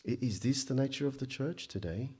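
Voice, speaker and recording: Emphatic preacher born in Egypt. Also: male voice, animated, brisk, husky. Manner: emphatic, rising to loud peaks then dropping low; frequent stammered restarts. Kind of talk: sermon.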